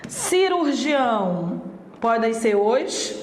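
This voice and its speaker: A woman teaching a grammar lesson. She draws out each example word slowly and hurries through her asides about exams. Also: on the high side, very animated, roomy sound. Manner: slow, deliberate, drawing out each example word; speeds up for asides and exam tips.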